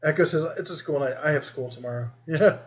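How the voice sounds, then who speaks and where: A man's voice: on the high side, fast, highs cut off. A man hosting a casual live stream, reading and answering viewer comments in a rambling, easygoing way. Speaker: host.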